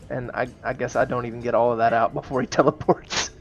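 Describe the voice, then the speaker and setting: A man's voice: mid-range voice, fairly even intonation, fast talker, lo-fi sound, faint music behind. A man chatting casually as a player in a tabletop fantasy game.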